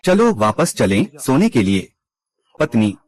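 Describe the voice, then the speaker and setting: A man's voice: mid-range voice, sing-song, a little slow, a little mellow. A man narrating a drama recap in a scripted way, reading out every character's lines himself.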